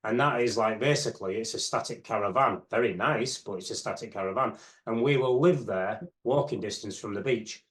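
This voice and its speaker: A man, a guest in an interview, talking in a reflective, unhurried way and often trailing off with "you know.". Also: fairly low pitch, fairly bright tone. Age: 50s. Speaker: guest fitness expert. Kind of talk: casual interview chat.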